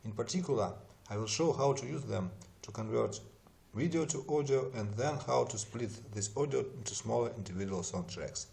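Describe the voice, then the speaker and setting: A man who is not a native English speaker narrates an explanatory software tutorial in a methodical, step-by-step way. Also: medium pitch, a little fast, vocal fry, hardly any pauses.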